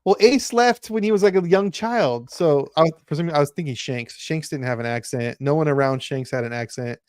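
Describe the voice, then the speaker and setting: A man's voice: a little high, a little fast, dry recording, studio quality. A man co-hosting a casual toy live stream, rambling and laughing often as he chats. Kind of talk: casual chat.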